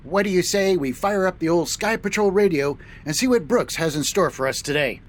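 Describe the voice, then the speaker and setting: A man's voice: high voice, expressive, a little fast. A man playing a cheery trucker captain, a sci-fi hero, in a hearty retro radio-show style. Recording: clear vehicle noise behind voice.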